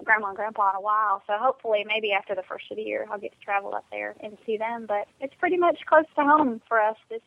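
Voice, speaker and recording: A woman's voice: mid-range voice, quick pace, creaky, few pauses, no echo. A woman chatting casually on the radio, reacting with enthusiasm. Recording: dull phone line.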